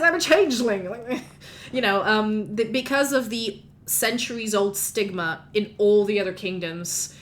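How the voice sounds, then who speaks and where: A woman's voice: medium pitch, fairly bright tone, a little hiss or hum. A woman narrating as game master, rambling through lore with lots of fillers.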